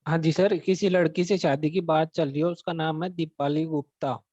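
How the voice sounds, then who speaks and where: A man's voice: fairly high pitch, fairly even intonation, moderate pace, a little mellow, dry recording. A man in his thirties calling in with a question, politely calling the host sir, his voice breaking up over a bad online connection. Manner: polite, addresses everyone as sir. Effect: breaking-up online call connection. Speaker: caller. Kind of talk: call-in question to a numerologist. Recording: lo-fi patchy call audio.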